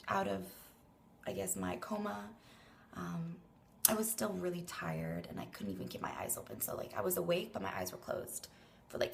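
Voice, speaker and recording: A woman's voice: on the low side, creaky, a little hiss or hum. A young Canadian woman who sounds tired and weak after surgery, rambling hesitantly through a casual vlog and trailing off breathily into near-whispers. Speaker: vlogger.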